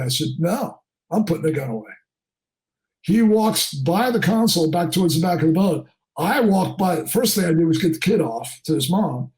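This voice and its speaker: A middle-aged charter fishing captain from New Jersey tells a story in a podcast interview and acts out the people in it. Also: male voice, on the high side, darkish tone. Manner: acts out quoted people in raised voices.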